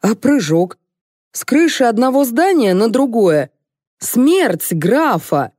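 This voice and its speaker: A woman voicing an excitable, bossy male film director who shouts orders, reading an audiobook in a dry studio. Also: fairly low pitch, slow pace, no room sound. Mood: exasperated. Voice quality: shouting, exasperated.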